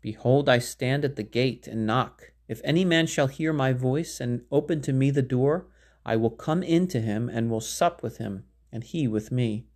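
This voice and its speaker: A man reading scripture aloud in a measured, solemn way, phrasing archaic verse with care. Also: medium pitch, a little mellow. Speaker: Bible reader.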